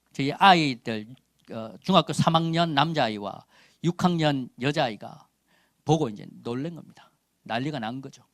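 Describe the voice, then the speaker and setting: Male missionary preacher, forties, emphatic sermon, lively rising and falling pitch, dry close sound. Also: dry recording. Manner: emphatic, swings between loud calls and quiet asides. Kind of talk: sermon with personal testimony.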